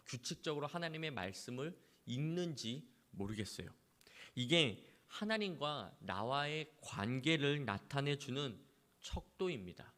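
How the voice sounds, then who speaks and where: A man's voice: mid-range voice, fairly bright tone. A male pastor delivering an emphatic sermon to his congregation, pressing his points with repeated exhortations.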